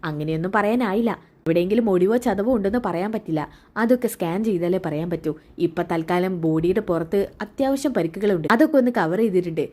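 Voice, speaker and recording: A woman voicing a calm male doctor who speaks in a measured, grave way. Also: mid-range voice, close to an everyday voice.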